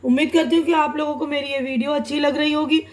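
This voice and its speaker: A young woman teaching an online language lesson, reading example words slowly and deliberately and often checking that her students follow. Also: sits high, steady tone, echoey room. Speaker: Urdu teacher.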